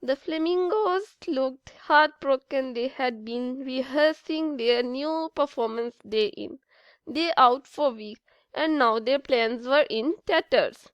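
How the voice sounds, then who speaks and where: A woman reading a children's bedtime story aloud in a gentle, expressive way. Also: high-pitched, slow, clear, resonant tone, no echo, highs cut off.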